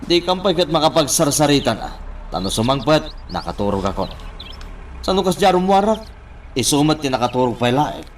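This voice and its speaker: A man's voice: fairly high pitch, big pitch swings, a little fast, distant mic, a little hiss or hum. A man voicing a tired young nephew who speaks plaintively, in a radio drama.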